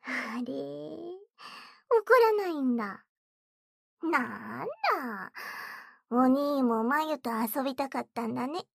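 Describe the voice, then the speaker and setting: A woman's voice: high voice, slow, creaky, long pauses, no room sound, clean studio sound, full character voice. A woman voicing a bratty, teasing young stepsister girl in a whispered role-play, taunting and giggly as she coaxes. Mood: playful.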